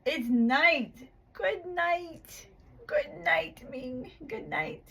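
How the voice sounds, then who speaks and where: A woman, an online English teacher, talking calmly to viewers and then teaching a young child in slow, exaggerated, cheerful speech from her home at night. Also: extremely high pitch, gravelly.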